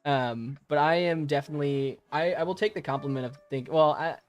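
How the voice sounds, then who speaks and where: With soft music in the background, a young man live streams and casually responds to his viewers' chat while playing. He speaks briskly at a fairly high pitch, friendly and meandering, with lots of laughter and restarts captured by a modest home mic.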